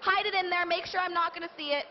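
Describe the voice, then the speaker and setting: A woman's voice: extremely high pitch, steady tone, fast. A woman presenting a live children's science and magic show in the playful manner of a kids' party magician, prompting the audience to join in. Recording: muffled live event recording, noisy crowd. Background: crowd of an audience, background noise.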